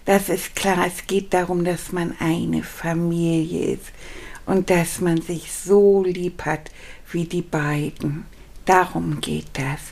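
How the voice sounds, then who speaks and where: A woman voicing a childlike puppet rat, sentimental and easily moved, with a husky voice. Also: fairly low pitch, fairly even intonation, a little mellow, full character voice. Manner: sentimental, slow and wondering.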